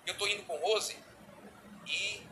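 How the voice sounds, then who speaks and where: A middle-aged man with a Brazilian Portuguese accent preaching a sermon as a bishop, animated, acting out little dialogues. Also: high-pitched, slow pace, a little hiss or hum, poor audio.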